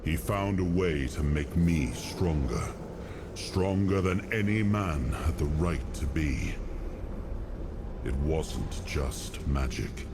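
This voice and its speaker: A man's voice: a bass voice, slow, noisy background. An actor playing a weary, burdened noble king in a video game cutscene, speaking with grave, solemn deliberation. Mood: somber, reflective. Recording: loud music behind the voice. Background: music.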